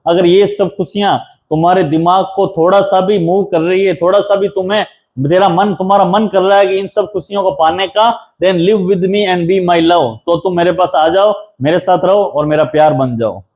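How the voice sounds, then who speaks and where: A male assistant professor, giving a lecture on a poem. He reads the lines slowly, explains each one, and repeats key terms as he counts them out. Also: high-pitched, a little mellow. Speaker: assistant professor teaching English literature.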